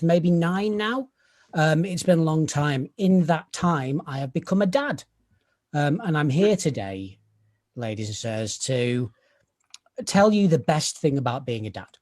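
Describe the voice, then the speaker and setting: A man, doing a dry, self-deprecating stand-up set over a video call. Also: on the high side. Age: 30s. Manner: dry, self-deprecating storytelling with quiet asides. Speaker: stand-up comedian.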